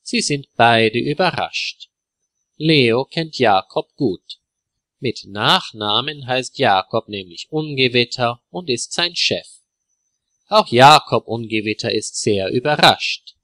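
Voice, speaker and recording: A man narrating a simple story in a clear, deliberate way for language learners. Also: mid-range voice, lively intonation, pushed and bright, no echo.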